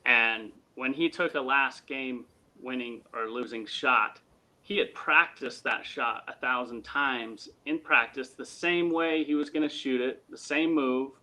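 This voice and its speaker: A man talking as a guest in a casual interview, earnest and animated, with sports analogies. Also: mid-range voice, unhurried.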